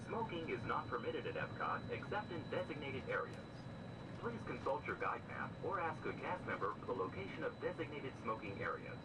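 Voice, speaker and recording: Man giving a recorded monorail loudspeaker announcement. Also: mid-range voice, sing-song. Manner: polite, scripted and measured. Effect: onboard loudspeaker announcement. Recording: distant loudspeaker with loud vehicle noise.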